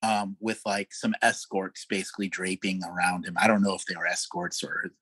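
A man's voice: low-pitched, normal speed, slightly rough, no echo, poor audio. Dry-voiced middle-aged male musician storyteller. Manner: animated anecdotes with frequent laughs and fillers. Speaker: guest musician. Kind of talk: casual storytelling interview.

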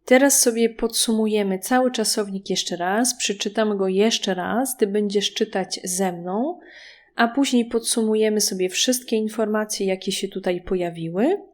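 A woman with a Polish accent teaching French in a slow, patient lesson, drawing out the words for learners to repeat. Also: mid-range voice.

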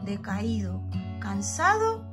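A woman's voice: mid-range voice, slow pace. A woman expressively reading a children's story aloud as storyteller, with music playing behind. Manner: expressive, varied delivery.

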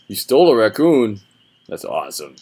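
A man's voice: on the low side, sing-song, moderate pace, darkish tone, breathy edge. A young man thinking aloud in a casual, laid-back and slangy way as he reviews what is on his screen. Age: young adult. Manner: informal, rambling, laid-back slangy talk. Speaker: website reviewer. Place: small room indoors.

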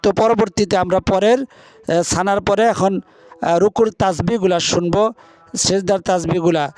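A man teaching prayer pronunciation, reciting slowly with long drawn-out sounds and correcting and repeating each phrase. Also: sits high, fairly even intonation, darkish tone, dry recording. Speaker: religious teacher.

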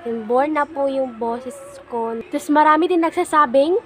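A young woman vlogging in casual chat, with a small soft voice and frequent giggles. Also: high-pitched, moderate pace, soft background music. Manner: giggly, laughs often.

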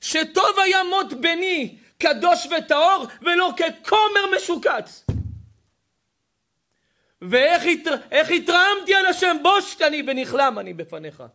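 A man's voice: extremely high pitch, expressive, pushed and bright, full character voice. A man playing an ashamed old father lamenting. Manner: slow, lamenting.

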